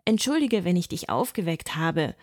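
A woman's voice: big pitch swings, normal speed, dry recording, studio quality. A woman voicing a cheerful little male globetrotting mouse in a storybook reading, friendly and eager. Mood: chirpy. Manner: eager, friendly, high and bright.

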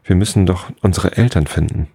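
A man's voice: sits low, brisk, gravelly, dark tone, slightly rough, dry recording, studio quality, full character voice. A man voicing a curious, earnest young boy in a bedtime story reading. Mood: wondering.

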